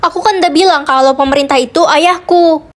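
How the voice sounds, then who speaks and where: A young woman acting in her own TikTok POV skit with a high, bright voice. She plays the lead and speaks in an earnest, polite, slightly naive way. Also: fairly quick.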